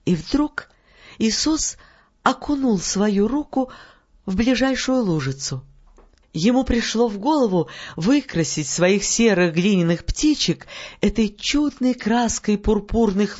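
A woman reading a story aloud as an audiobook narrator, measured, letting phrases fall at their ends. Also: fairly low pitch, darkish tone. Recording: dull audio with faint music.

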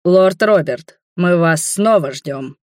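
A reader voicing a booming proud king. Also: moderate pace, no room sound, studio quality, close to an everyday voice. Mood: booming, solemn. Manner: loud and solemn.

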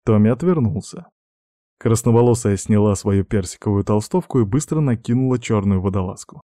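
A man narrating an audiobook in an even, measured storytelling manner. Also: on the low side, no room sound, clean studio sound.

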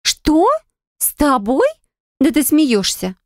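A woman's voice: sits high, animated, slow pace, a little mellow, no echo, clean studio sound, pitched above the performer's own voice. A woman voicing a spoilt, indignant young woman in acted audiobook dialogue. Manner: indignant, pouty. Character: spoilt, haughty blonde young woman cabin-mate.

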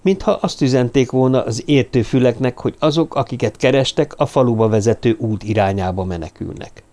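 A man's voice: mid-range voice, warm tone. Man narrating a suspense audiobook. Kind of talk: scripted narration.

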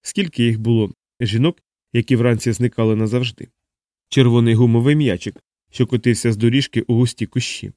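A man narrating an audiobook in an even, measured storytelling voice. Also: medium pitch, no echo, clean studio sound.

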